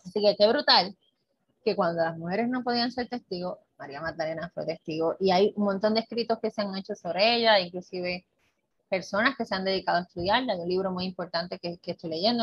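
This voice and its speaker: A woman's voice: mid-range voice, fast, breathy edge, no room sound. Woman hosting a chatty talk, keeps asking ¿verdad?, bit muffled, no room sound. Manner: lively, conversational, often asks ¿verdad?, acts out dialogue. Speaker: host. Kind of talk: animated talk on Bible topics. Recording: dull, muffled dry sound.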